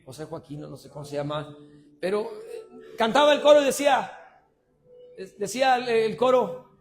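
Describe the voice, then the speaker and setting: A Mexican man preaching a sermon as pastor, shifting between shouted calls and quiet, chatty asides to the congregation. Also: sits high, expressive, moderate pace, soft background music. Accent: Mexican Spanish. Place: church.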